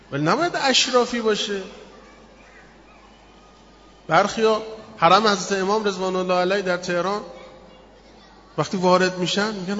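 Male preacher, expressive storytelling sermon, high voice, echoey hall, muffled recording. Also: a little hiss or hum. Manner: expressive, acts out quotes in the story.

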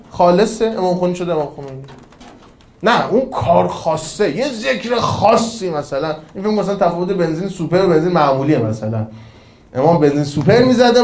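Animated man giving a casual religious talk. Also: high-pitched, roomy sound. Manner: conversational, animated, quips and rhetorical questions. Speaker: cleric lecturer.

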